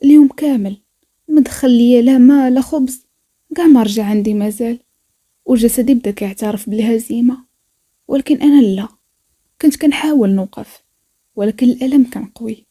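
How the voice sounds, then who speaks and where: A woman with a Moroccan accent narrating a first-person story in a soft, intimate way. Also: on the high side, fairly even intonation, a little fast, pauses often.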